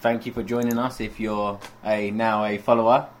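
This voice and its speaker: A man's voice: lowish voice, level tone, moderate pace. A young man in his twenties co-hosting a podcast, full of cheeky jokes and banter. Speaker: podcast co-host. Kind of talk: casual chat. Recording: noisy recording.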